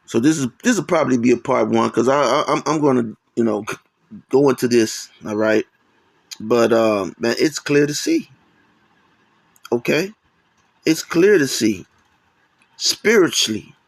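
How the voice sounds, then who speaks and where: A man's voice: mid-range voice, a little slow, vocal fry, long pauses, dry recording. A man hosting a religious commentary on videos, rambling and often checking in with "man" and "okay?". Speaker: channel host.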